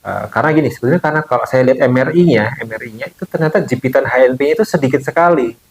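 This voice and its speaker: A man's voice: medium pitch, very fast, poor audio. A man, a bone-setting therapist, casually telling viewers a story from his clinic, with lots of fillers and quoted dialogue.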